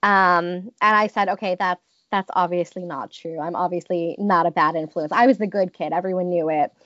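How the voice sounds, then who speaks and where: In this reflective interview, an American woman in her thirties tells personal stories hesitantly and thoughtfully, restarting many times. Her fairly low voice is steady and a bit bright, at a normal speed. There's no room sound, and it's muffled.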